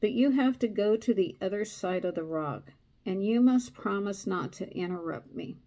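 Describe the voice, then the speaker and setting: Woman reading as a calm, knowing lizard. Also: medium pitch, moderate pace, close to an everyday voice. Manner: read aloud from a card book. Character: calm knowing male desert lizard, a dreamer.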